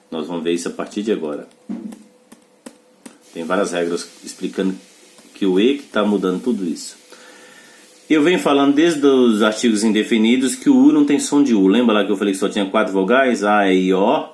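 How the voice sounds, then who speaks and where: Brief: male English teacher, slightly low voice, patient step-by-step explanations. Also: darkish tone. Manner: explains rules step by step, checks understanding with short tags. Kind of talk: pronunciation lesson.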